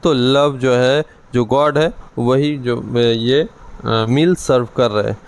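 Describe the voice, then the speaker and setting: A man with an Indian English accent teaching an exam-prep lesson, slow and deliberate, switching between Hindi and English. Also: mid-range voice, clean tone, dry recording, low-quality recording.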